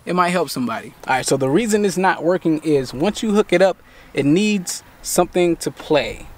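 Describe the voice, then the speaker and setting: Sitting in a parked car during the day, a tech channel host in his thirties patiently guides viewers through a fix step by step in a casual how-to. His voice is on the high side, animated and brisk.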